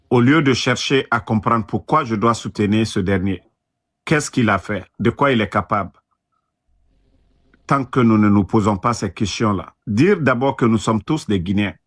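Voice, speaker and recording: A man from Guinea speaking earnestly on a political panel, often halting and restarting his sentences. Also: lowish voice. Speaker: panel guest.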